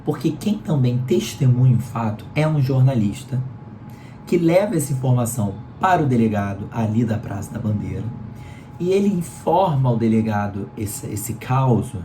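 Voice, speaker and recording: Sitting in a room at his Rio home with an electric fan going and faint music behind, a Carioca man gives a chatty book review, tacking "né?" onto his sentences. A cold has left him hoarse with a sore throat. His mid-range voice is mellow and animated, at a moderate pace.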